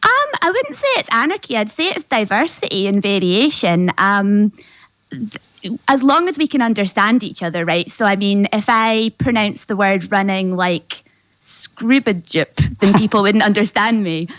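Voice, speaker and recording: A woman's voice: medium pitch, lively intonation, moderate pace, a bit bright, no echo, poor audio. Woman explaining with a dry, close sound. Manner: explanatory, tag questions, laughs lightly. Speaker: linguist guest. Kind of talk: radio discussion.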